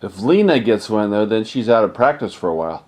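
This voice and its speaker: A man's voice: fairly low pitch, lively intonation, a little fast, a little mellow. An older man chatting casually at home with a dry, joking manner. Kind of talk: casual chat. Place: home living room.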